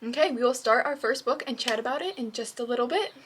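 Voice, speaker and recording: A woman with a fairly high voice chats at home about her reading plans. She talks casually and gushes with excitement, and her speech is full of fillers. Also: fast, a little hiss or hum. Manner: gushing, excitable, chatty with many fillers. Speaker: book vlogger. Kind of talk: casual chat.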